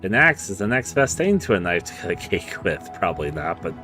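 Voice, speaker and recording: A man streaming a horror game, giving live commentary and reading game text aloud in a drawn-out, playful, theatrical way. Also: low voice, very animated, bright, forceful tone. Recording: music behind the voice. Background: game music.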